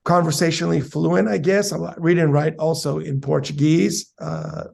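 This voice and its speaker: Gravelly, slightly high man in his forties from San Diego, a guest who explains things with an academic manner and many fillers. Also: steady tone, moderate pace, a little mellow. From South San Diego, USA. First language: Spanish and English. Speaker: capoeira master, guest. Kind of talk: casual interview answers.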